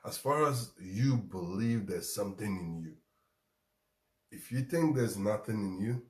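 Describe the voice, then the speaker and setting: A man's voice: on the low side, animated, unhurried, a little mellow, reverberant. A man with a Ghanaian accent hosting a show, giving a motivational talk and repeating lines for emphasis. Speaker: show host.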